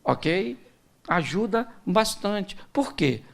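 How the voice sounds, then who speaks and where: A man's voice: high voice, sing-song, drawn-out words, creaky, a bit bright. A man preaching a humorous sermon as a pastor, asking the congregation questions and acting out quarrelling couples in put-on voices. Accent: Brazilian Portuguese. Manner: asks the crowd questions and draws laughs.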